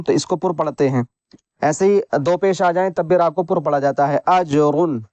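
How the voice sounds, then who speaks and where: A man teaching Quran reading rules in a patient lesson, repeating each point and spelling out letters slowly. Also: a little high, a little mellow, no echo, muffled recording. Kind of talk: slow instructional lesson.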